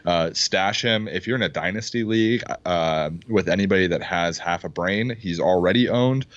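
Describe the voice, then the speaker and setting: An excitable man with a very low voice co-hosts a casual sports podcast, sometimes pounding the table as he talks. He is heard over a video call, and the sound is dry, dull and lo-fi. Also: normal speed, dry recording. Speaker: podcast co-host. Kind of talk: casual fantasy football chat.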